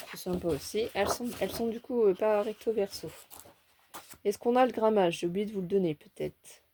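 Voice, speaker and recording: A woman's voice: medium pitch, dark tone, slight background noise. Chatty woman showing off a craft haul. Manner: chatty, enthusiastic, fond of little words like "petite" and "hein". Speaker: scrapbooking haul vlogger. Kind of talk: casual show-and-tell haul.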